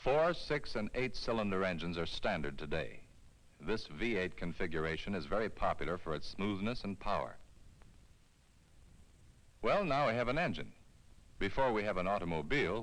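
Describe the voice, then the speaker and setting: Reading a scripted narration for an instructional film, this man sounds clear, measured and explanatory, like a 1970s educational soundtrack. His voice is deep with a fairly bright tone, and the recording is rough.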